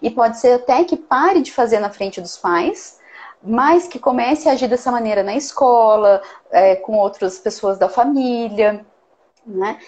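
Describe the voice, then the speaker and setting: A woman's voice: on the high side, unhurried, darkish tone. A woman giving earnest parenting advice in a casual talk, often checking in with "né?". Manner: earnest, explains with many "né?" tags. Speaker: parenting guest expert.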